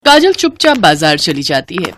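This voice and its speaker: A woman narrating a scripted moral story in an even, storytelling manner. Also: deep voice, normal speed, no room sound.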